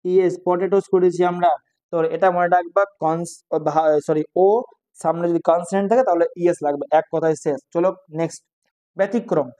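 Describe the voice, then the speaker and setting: Mellow-voiced teacher quizzing students. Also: mid-range voice, steady tone, a little fast. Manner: repeats points as quiz questions to students; mixes English terms into Bengali explanation. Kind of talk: casual online grammar lesson. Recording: dull lo-fi recording.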